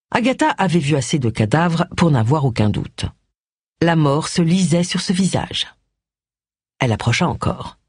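An audiobook narrator reading a mystery novel with an expressive storytelling delivery. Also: mid-range voice, breathy edge, no echo, clean studio sound.

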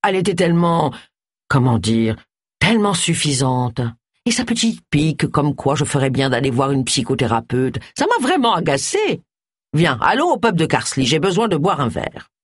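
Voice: medium pitch, very animated, normal speed, slightly rough, dry recording. Wry, dry-humored middle-aged man, offhand, read by an audiobook narrator. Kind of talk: audiobook character voice.

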